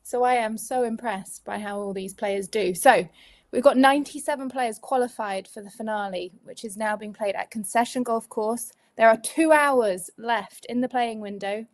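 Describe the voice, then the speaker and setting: A woman's voice: fairly high pitch, moderate pace. A woman co-hosting a live golf tour broadcast, chatty and teasing her co-host as she runs through the standings. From Europe.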